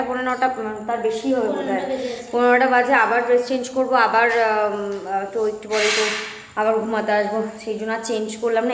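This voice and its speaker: A young woman talks through her day in a loose, rambling vlog chat. She is recorded indoors at home in a room with a clear echo. Steady household noise runs behind her voice. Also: on the high side. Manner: chatty, rambling running commentary. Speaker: lifestyle vlogger. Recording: echoey room with background noise.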